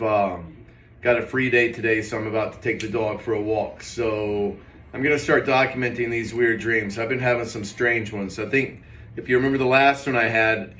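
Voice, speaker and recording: A man's voice: mid-range voice, a bit bright. Puzzled, hazy man in an echoey room. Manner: hazy, puzzled dream recounting with trailing, hesitant phrases. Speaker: vlogger. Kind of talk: casual, rambling first-person storytelling. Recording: roomy echo, distant mic.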